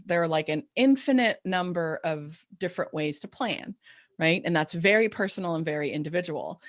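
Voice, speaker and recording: A woman with a fairly low voice co-hosts a relaxed podcast chat. She speaks as a coach, backing up her guest and laughing easily. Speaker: co-host and ADHD coach. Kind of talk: casual podcast conversation.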